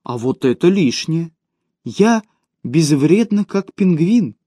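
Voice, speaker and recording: A man's voice: on the high side, very animated, slow pace, dark tone, breathy edge, no room sound, clean studio sound, full character voice. A man voicing a ruthless, domineering woman who mocks her partner in a cutting tone for an audiobook. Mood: purring. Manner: sneering, cutting. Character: cold, mocking, domineering woman, ruthless schemer. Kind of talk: audiobook character voice.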